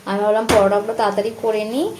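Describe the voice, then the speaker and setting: A woman's voice: medium pitch, level tone, very fast, noisy background. A woman, chatting casually to viewers in a home vlog while she cooks in her kitchen. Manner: chatty, addresses viewers directly, frequent fillers. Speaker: home vlogger. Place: home kitchen with sizzling food.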